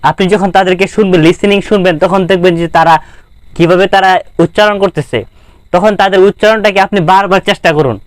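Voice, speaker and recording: A man's voice: high-pitched, fairly even intonation, a little fast, no echo. A young man with a Bangladeshi Bengali accent giving an informal spoken-English lesson, earnestly repeating and restarting his phrases as he encourages viewers. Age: young adult. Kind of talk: informal lesson talk to camera.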